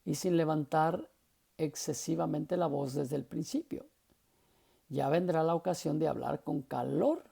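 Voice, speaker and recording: Male instructor, husky and unhurried, patient lecture tone that checks in with the class. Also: fairly high pitch, mellow. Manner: explanatory, often checks understanding with short questions. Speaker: homiletics teacher.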